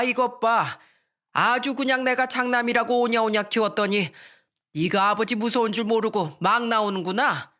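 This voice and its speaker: A woman voicing an angry 65-year-old father who scolds his grown children in a radio story. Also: a little high. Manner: shouting, scolding, drawn-out demands.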